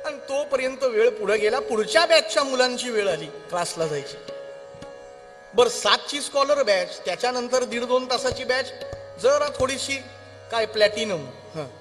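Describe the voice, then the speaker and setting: Bright high-voiced man telling devotional stories. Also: moderate pace. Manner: animated storytelling with acted character voices; chants scripture verses. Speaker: kirtan performer. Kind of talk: devotional storytelling sermon. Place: large auditorium. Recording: long hall reverb with faint instrumental music.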